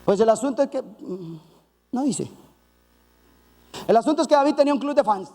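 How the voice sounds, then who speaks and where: A man preaching a sermon, telling a Bible story with lively asides and acted-out voices. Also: very high voice, moderate pace, in a large hall. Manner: animated storytelling with playful asides; acts out voices of biblical figures.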